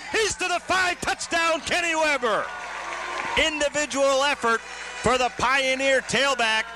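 Guy doing football play-by-play, super high voice, gets hyped as the play goes. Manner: builds excitement as the play unfolds. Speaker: play-by-play announcer. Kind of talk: sports commentary.

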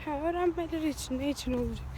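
A high-voiced young woman vlogs outdoors on a phone held at arm's length, her voice thick and stuffy from a cold. She rambles in a chatty, self-mocking way. Faint street sound sits behind her. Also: racing, background noise. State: congested and sore-throated from a cold. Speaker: vlogger. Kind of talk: casual walking vlog.

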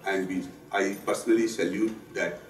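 Hoarse, husky male lecturer, low voice, earnest and measured, heard at a distance in a roomy hall. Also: fairly even intonation, faint music behind. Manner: measured, earnest, with pauses and restarts. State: hoarse from a sore throat and flu. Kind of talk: formal memorial lecture. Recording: roomy hall sound, speaker off the mic.

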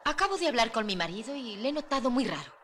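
A woman's voice: a little high, big pitch swings, fast talker, fairly bright tone, soft background music. An actress playing an exasperated, suspicious wife in her thirties in a film comedy. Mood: concerned.

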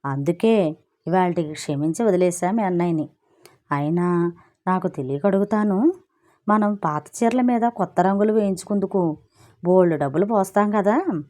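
A woman's voice: fairly low pitch, moderate pace, long pauses, warm tone, lightly acted. A woman reading a story and voicing a chatty married woman who complains breezily and justifies herself. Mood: wry. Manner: breezy, gossipy, self-justifying.

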